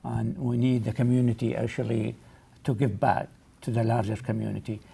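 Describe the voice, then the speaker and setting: A man's voice: mid-range voice, little pitch movement, moderate pace, gravelly, dark tone, breathy edge. A man hosting a studio talk show, prompting guests to speak up. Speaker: TV show host.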